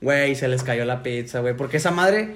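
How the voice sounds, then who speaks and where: A man's voice: mid-range voice, animated, fairly quick, fairly bright tone, slight background noise. A man with a Mexican accent co-hosting a podcast, chatting casually in slang and swearing often. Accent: Mexican Spanish. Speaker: podcast co-host. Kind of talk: casual chat.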